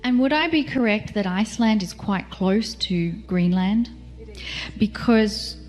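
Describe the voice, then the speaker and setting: A woman co-host explaining in a measured way. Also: medium pitch, darkish tone. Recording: reverberant room with faint music.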